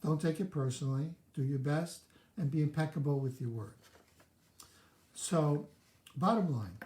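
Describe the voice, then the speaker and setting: A man's voice: a little high, moderate pace, darkish tone, echoey room. A man hosting a live self-help show, talking through his own reactions in a candid, reflective way. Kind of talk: live-streamed teaching talk.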